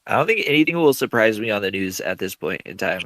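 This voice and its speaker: A man's voice: lowish voice, very animated, fast talker, a bit bright, no echo. A man chatting casually as a guest caller, loose, slangy and rambling. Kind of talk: casual chat.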